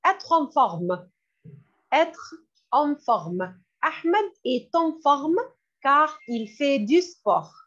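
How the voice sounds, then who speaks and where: A woman teaching French vocabulary in a classroom lesson, repeating each word slowly and glossing it in English. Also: high voice, very animated, a bit bright. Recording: dull lo-fi recording.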